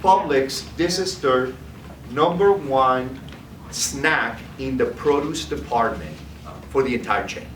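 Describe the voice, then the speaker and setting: At a food trade demo room, a man presents a product live in a slow, mid-range, fairly bright voice, frequently adding "okay?" after his points. It's recorded in an echoey, noisy space with the mic far off.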